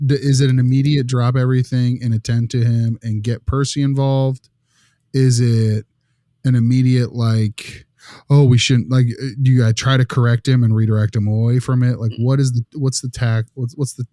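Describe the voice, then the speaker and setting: A man acting as a friendly, attentive consultant interviews school staff in natural-sounding dialogue, asking polite, affirming questions. He speaks at a normal speed in a mid-range, dark, steady voice close to his everyday one, recorded in clean studio sound with no room sound.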